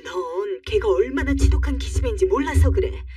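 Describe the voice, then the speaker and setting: A woman voicing an angry middle-aged mother who shouts and scolds in a radio-story reading. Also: medium pitch, expressive, a little fast, no echo, distant mic, lightly acted. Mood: angry shouting. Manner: loud and scolding.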